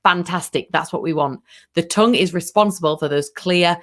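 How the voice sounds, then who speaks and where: A woman vocal coach with a slightly low voice leads an online workshop. She gives direct, lively instructions and demonstrates each point as she goes. She speaks into a video call microphone. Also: normal speed.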